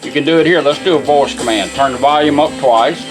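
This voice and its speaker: Demonstrating restored vintage car radios, a folksy, plainspoken presenter walks through the product casually and hands-on. His voice is a little high and quick-paced. The recording is rough, with music from the radio playing in the background.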